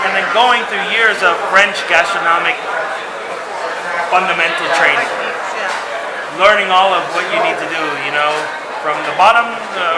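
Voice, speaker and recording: A man who is a chef, talking in an interview, enthusiastic and rambling, with frequent restarts. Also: high voice. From San Francisco Bay Area. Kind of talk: casual interview talk. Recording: echoey room with loud background noise.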